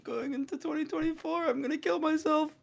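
A man's voice: very high-pitched, fairly even intonation, a little fast, creaky, a little hiss or hum. A man on a voice call during a gaming stream, joking in a dry, sarcastic, crude way. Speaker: gaming guest. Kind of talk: casual chat on a voice call. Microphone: microphone on a voice call.

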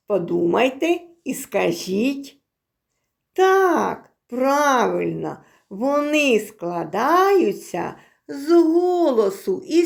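A woman's voice: high-pitched, gravelly. A woman teaching preschool children a phonics lesson, speaking in an exaggerated sing-song way.

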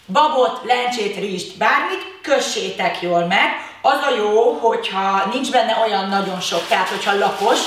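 A woman teaching a children's exercise class, talking to the kids in a lively way and calling out commands. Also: medium pitch. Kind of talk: leading a kids' workout video. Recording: very echoey room, voice from a distance, faint noise.

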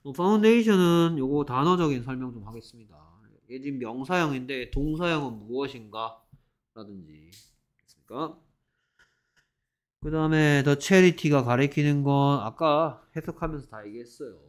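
A man teaching an exam-prep English class to Korean students. He reads English sentences slowly, explains them, and keeps asking the class whether they follow. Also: medium pitch, animated. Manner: repeats checking questions, reads English slowly then explains.

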